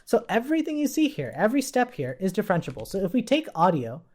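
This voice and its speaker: A fast-talking man with a high, darkish voice and wildly swooping pitch runs an informal coding tutorial. The programming instructor explains step by step while typing, checking in with rhetorical questions.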